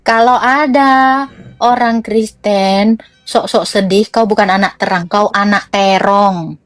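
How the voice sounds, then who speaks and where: A woman's voice: mid-range voice, fairly even intonation, takes it slowly. A young woman preaching in a blunt, teasing rant that mixes slang with scripture.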